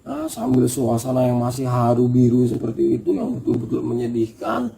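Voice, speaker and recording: A man's voice: medium pitch, animated, normal speed, gravelly, dark tone. A man telling a hiking story in a casual, emotional and earnest way. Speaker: storyteller recounting a hiking experience. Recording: noisy background ambience.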